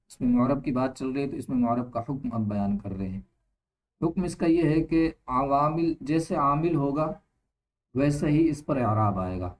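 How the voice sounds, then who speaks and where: A male teacher giving a grammar lesson in an unhurried, patient way. He reads passages of text aloud and then explains them piece by piece. He keeps stopping to ask whether his students have understood. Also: medium pitch, a little mellow, low-quality recording. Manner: explains slowly, repeats points, checks understanding with quick questions. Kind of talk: classroom-style grammar lesson.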